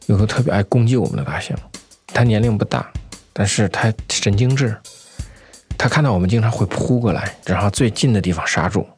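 A man telling first-person stories in an unscripted interview, conversational and halting, often repeating phrases. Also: on the low side, animated, a little mellow, soft background music. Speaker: anti-poaching patroller, interview guest.

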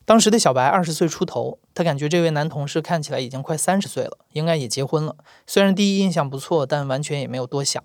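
A man hosting a storytelling podcast, reading scripted narration in a brisk, even delivery. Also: fairly high pitch, no echo, studio quality. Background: soft background music.

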